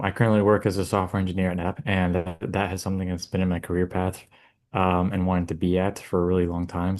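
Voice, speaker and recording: Deep-voiced young man from Texas. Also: darkish tone. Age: young adult. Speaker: student ambassador. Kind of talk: casual self-introduction.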